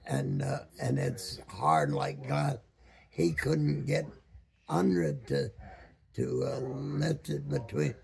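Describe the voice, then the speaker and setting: A very old man with a deeply gravelly, husky voice tells a story from memory. He speaks haltingly, searching for each word and leaving long gaps filled with ums. The pace is slow throughout. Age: over 100, very old man. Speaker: retired boat captain.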